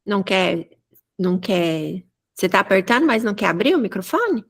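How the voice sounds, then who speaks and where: A woman mentor hosting an online business meeting, brisk and directive while encouraging the participants. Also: medium pitch, big pitch swings. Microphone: video call.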